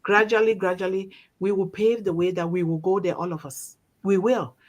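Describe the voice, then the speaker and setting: Here a woman hosting a discussion speaks at normal speed in a mid-range voice with a steady tone. She was born and raised in Africa, and her talk is passionate, casual storytelling and urging, with phrases repeated to drive points home.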